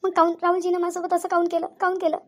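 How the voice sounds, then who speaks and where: Heartbroken cartoon wife; very high, fast, tearful pleading. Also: female voice, monotone. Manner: tearful, pleading, repeats herself. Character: grieving young wife and mother. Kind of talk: Marathi cartoon voice acting.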